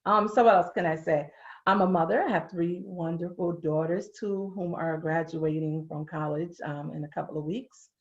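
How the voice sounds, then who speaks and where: A woman, speaking in a lowish voice. She talks in a relaxed, chatty way, laughs easily and slips into casual slang. The audio is muffled and lo-fi, as on a video call. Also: normal speed. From Brooklyn, New York. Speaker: interview guest, educator. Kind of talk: casual interview chat.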